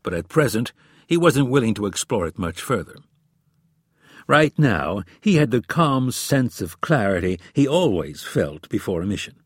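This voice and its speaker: A man reading a thriller novel aloud in a measured, even narration. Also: lowish voice, slightly rough, no room sound, clean studio sound. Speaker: audiobook narrator.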